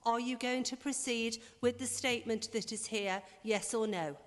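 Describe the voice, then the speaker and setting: A woman's voice: a little high, steady tone, moderate pace. A woman chairing a formal council meeting, speaking in a firm, stern and insistent way. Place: council chamber. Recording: reverberant chamber sound.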